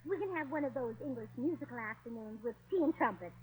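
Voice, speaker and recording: On the high side and expressive, her delivery is quick and a little mellow, lightly acted, with a faint hiss or hum and poor audio. She plays a scatterbrained American wife who fakes a posh English manner in 1940s radio-comedy fashion, giddy and chirpy, mangling her fake English with words like "blimey" and "governor."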